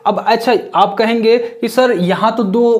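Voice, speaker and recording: Male teacher with a high voice. Methodical classroom explainer who repeats key points. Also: steady tone, a little slow. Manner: asks questions and answers them himself. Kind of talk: classroom-style lesson.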